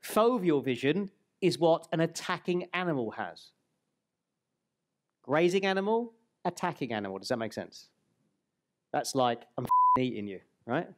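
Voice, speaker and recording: Man, forties, live seminar speaker, somewhat high pitch, audience exercise, headset mic. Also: very animated, fairly bright tone. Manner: guides the audience through an exercise, slowing on key words. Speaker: speaker and trainer. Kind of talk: live stage seminar talk. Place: large hall stage.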